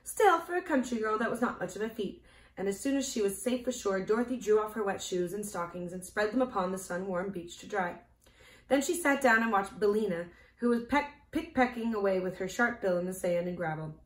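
A woman hosting a children's show, reading a storybook aloud in a clear, expressive way. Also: medium pitch, fairly quick. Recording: roomy echo.

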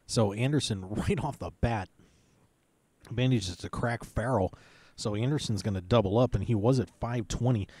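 A man's voice: lowish voice, normal speed, a little mellow, slightly rough, no echo. A man hosting live poker tournament coverage, calling hands and reading chip counts in a chatty, loose play-by-play with plenty of filler words.

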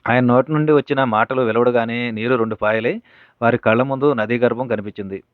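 A man reading devotional stories aloud from a book at a steady pace, sometimes stopping to correct a word. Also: mid-range voice, fairly quick, dry recording. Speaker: reader of spiritual teachings. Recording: narrow phone-like dry audio.

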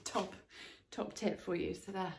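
Steady in tone, unhurried and gravelly, this mid-range female voice comes from a woman in her forties giving a chatty cleaning how-to at home, using many fillers as she works. She's in a sunlit garden room, recorded with echo and faint noise.

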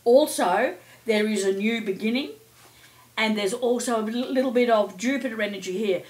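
A woman's voice: on the high side, moderate pace, a little mellow. A middle-aged or older woman hosting a chatty daily horoscope as a psychic, playful, theatrical and effusive, often calling listeners darling. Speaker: psychic and astrology host.

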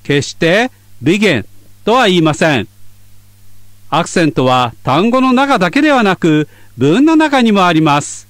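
Male radio teacher, clear explanatory delivery, high animated voice, dry booth sound. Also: a little slow, no echo. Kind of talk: scripted lesson narration.

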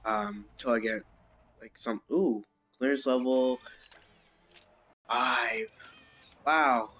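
A man's voice: medium pitch, very slow, a bit bright. Young man rambling over racing gameplay. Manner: rambling, reacts aloud to the race. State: has the hiccups. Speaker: gameplay commentator. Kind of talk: casual let's-play commentary.

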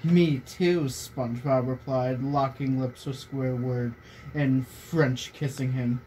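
Taking it slowly with a warm, mid-range voice and fairly even intonation, a young man reads fan fiction out loud to friends, prone to fits of laughter. The recording comes from a small bedroom and is casual and noisy.

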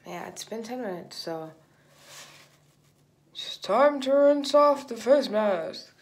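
A woman's voice: fairly high pitch, expressive, slow pace, slight background noise. A young woman vlogger chatting casually with hesitant ums, speaking into a cardboard tube as a joke mic. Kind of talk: casual vlog chat.

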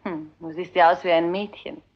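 A woman's voice: fairly low pitch, fairly even intonation, moderate pace, natural voice. An actress playing a defiant circus woman who mocks and rebuffs a pushy admirer, in a German film dub. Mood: taunting. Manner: scornful, taunting, with hissed whispers. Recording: dull lo-fi film soundtrack.

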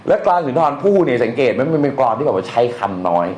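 A man's voice: medium pitch, very animated, rapid-fire, a little mellow. Blunt, slangy male teacher in a roomy space. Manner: blunt and colloquial, with slang and crude words; recites verse aloud. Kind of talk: casual lecture on Thai poetry. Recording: echoey room, faint noise.

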